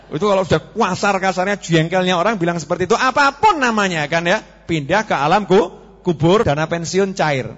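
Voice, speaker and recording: A preacher with a Javanese accent delivers a joking sermon, often asking his listeners questions and mixing Javanese into his Indonesian. His man's voice sits on the high side. The recording is dull and lo-fi, with a long echo. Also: fairly bright tone. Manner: joking, asks the audience questions. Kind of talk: sermon to a live congregation. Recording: reverberant, dull lo-fi hall recording.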